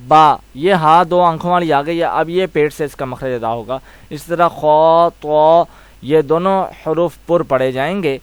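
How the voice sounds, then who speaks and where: A man teaching a tajweed lesson, slowly sounding out letters one by one and explaining each with patient repetition. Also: fairly high pitch, clean tone, no echo. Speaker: Quran recitation teacher.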